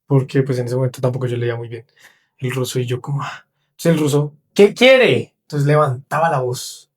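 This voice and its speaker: A young Colombian man with a Colombian Spanish accent, a podcast guest telling stories in casual chat, animated and acting out the voices of people he met. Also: medium pitch, a little fast. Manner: animated, acts out quoted voices. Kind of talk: casual storytelling.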